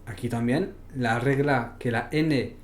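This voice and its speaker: A man's voice: medium pitch, slow pace. A man with a French accent teaching a pronunciation lesson, spelling out letters one at a time and modeling each sound. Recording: roomy echo.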